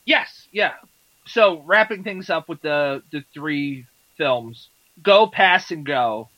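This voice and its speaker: Guy with a high bright voice, laid-back movie podcast chat, dry slightly muffled mic. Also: animated, takes it slowly, dry recording. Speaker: podcast co-host. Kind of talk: casual movie review chat.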